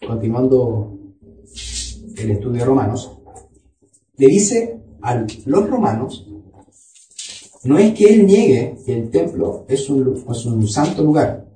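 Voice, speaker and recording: A man's voice: mid-range voice, sing-song, slow pace, pauses often, dark tone, faint music behind. Man preaching in an echoey hall. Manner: teaching Bible study, reads scripture aloud. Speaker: pastor. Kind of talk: sermon. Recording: echoey room, voice from far off.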